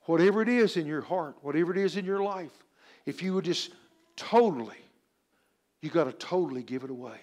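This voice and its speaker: A man's voice: on the high side, quick pace, darkish tone. Earnest preacher man. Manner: earnest preaching with quoted scripture and stories. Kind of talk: sermon.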